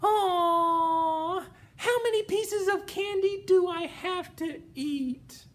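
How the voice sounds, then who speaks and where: A man voicing an excitable little pea boy in a puppet storybook, whiny and exclaiming in broad singsong kids' theatre. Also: extremely high pitch, very slow, voice pushed up, heavily acted.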